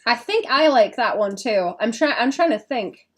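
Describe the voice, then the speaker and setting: A woman's voice: fairly high pitch, animated, normal speed. A woman chatting casually on a live stream while she draws, thinking aloud and often stopping to restart her sentences.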